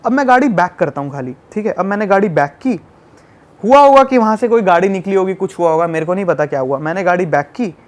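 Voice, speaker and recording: A man from Delhi, a travel vlogger, telling a road-trip fight story in an animated, casual way. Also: high voice, fast talker. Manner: animated, acts out shouting in the retelling. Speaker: travel youtuber guest.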